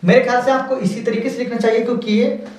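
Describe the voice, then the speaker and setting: High-voiced man teaching in an echoey room. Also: level tone. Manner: slow, repetitive, drawn-out word demonstrations. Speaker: stenography teacher. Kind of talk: explaining steno outlines. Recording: echoey room, far from mic.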